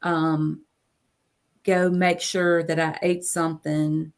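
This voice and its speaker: A coach in her fifties recounts, slowly and casually, what it was like being an interview guest, repeating phrases to emphasize them. Her voice is deep, with little pitch movement.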